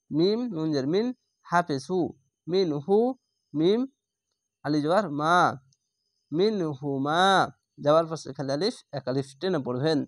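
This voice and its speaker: A man's voice: fairly high pitch, no echo, clean studio sound. A man teaching Quran reading, spelling out each letter and vowel mark and then blending the syllables, with patient explanations between drills. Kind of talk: slow spelled-out recitation lesson.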